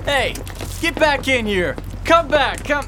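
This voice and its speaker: A male actor playing a gruff, impatient paramedic in an audio drama. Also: very high voice, animated, takes it slowly, loud music behind the voice, full character voice. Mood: exasperated. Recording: noisy siren and vehicle ambience.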